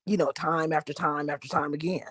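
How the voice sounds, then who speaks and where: A woman's voice: low voice, steady tone, a little fast, fairly bright tone, slightly rough, dry recording, studio quality. A woman on a reality TV review panel, talking candidly and often saying "you know". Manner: candid, drops into quoted asides, frequent "you know". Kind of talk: casual reality TV review chat.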